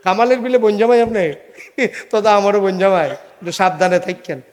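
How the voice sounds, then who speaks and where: A man's voice: high-pitched, moderate pace. A man preaching a humorous sermon, telling a story, acting out dialogue and joking with the audience. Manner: animated, jokes with audience, acts out dialogue. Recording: reverberant hall.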